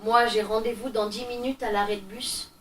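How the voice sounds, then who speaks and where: A woman playing a sarcastic thirteen-year-old girl who is fed up with babysitting, impatient and cutting. Her voice sits high, heard from a distance in a roomy space with faint noise. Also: steady tone, normal speed, fairly bright tone, natural voice. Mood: irritated. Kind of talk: stage play reading.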